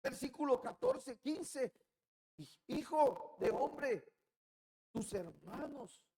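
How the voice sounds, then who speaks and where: A male Colombian Caribbean preacher with a gravelly edge to his voice, delivering a sermon in an unhurried way. He drops to a low, musing tone and then bursts into loud, shouted cries. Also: lively intonation, low-quality recording. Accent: Colombian Caribbean Spanish. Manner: swings from quiet musing to loud shouted outbursts. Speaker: pastor.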